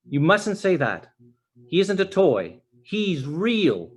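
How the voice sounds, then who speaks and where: A man's voice: high-pitched, sing-song, slow, breathy edge, pitched above the performer's own voice, exaggerated voice. Man reading as an earnest, insistent little boy. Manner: pleading, emphatic. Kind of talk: storybook reading.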